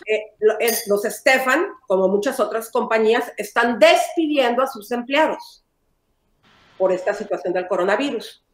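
Middle-aged woman, teasing gossip co-host, somewhat high voice, echoey room, video call. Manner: teasing, emphatic, quick to argue. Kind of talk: casual gossip chat over video call. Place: home room with staircase.

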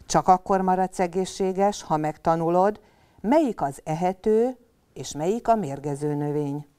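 A woman's voice: fairly low pitch, mellow, clean tone, close to an everyday voice. A woman voicing a patient, instructive father rabbit in a children's storybook reading. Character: patient father rabbit teaching his kits.

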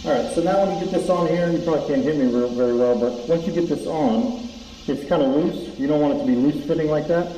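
A man speaking through a respirator mask while he fits it, in a plain, relaxed how-to manner. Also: on the high side, quick pace, echoey room, in a large hall, slight background noise, rough recording. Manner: relaxed, plain-spoken, many fillers. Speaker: DIY channel host. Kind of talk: casual how-to demo. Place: home garage.

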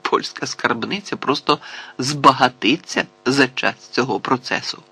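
Brief: a man as an ironic newsman, amused and sharp. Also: medium pitch, measured pace, slightly rough, exaggerated voice. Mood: wry. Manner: ironic, wry. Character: ironic, witty male journalist.

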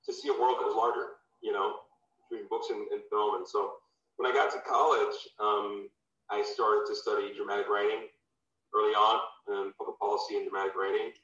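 A former football player turned filmmaker from Louisiana, talking loosely in an interview with lots of fillers and restarts. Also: male voice, lowish voice, fairly even intonation, fairly quick, fairly bright tone. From Louisiana, USA. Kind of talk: casual interview. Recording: distant, roomy, dull remote audio.

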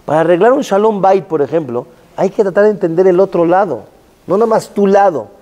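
Animated high-voiced rabbi preaching. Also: male voice, fairly quick. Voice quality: sprinkles Hebrew terms. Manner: animated storytelling, rhetorical questions to the audience. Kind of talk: sermon.

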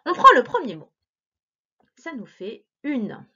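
Slightly high and sing-song, her voice is pushed and bright with a breathy edge, and she takes her time. This woman teaches young children to read over a remote lesson, breaking words into syllables with patience and encouragement. The audio is dull and lo-fi.

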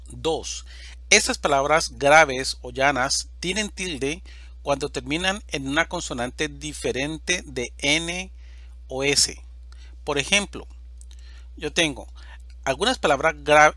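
A man gives a slide-based grammar lesson in a bright, forward voice, recorded close and dry with no room sound. He speaks slowly and deliberately, and each example word comes out louder than the rest. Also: medium pitch, no room sound. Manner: slow, deliberate, stresses example words loudly. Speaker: Spanish teacher.

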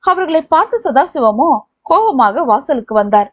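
A woman narrating a novel as an audiobook reader, with expressive storytelling. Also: sits high, measured pace, no echo, lo-fi sound.

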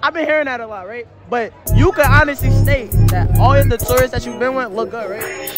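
A man's voice: extremely high pitch, a little fast. A man hosting a casual street interview outdoors, with playful, hyped banter. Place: outdoors on a busy city street. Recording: street crowd and loud music behind.

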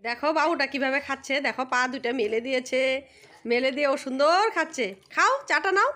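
A woman's voice: sits high, fast. A middle-aged woman chatting casually to her viewers in a home vlog, her face swollen from toothache. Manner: chatty, animated, addresses viewers as brothers and sisters. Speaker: village vlogger.

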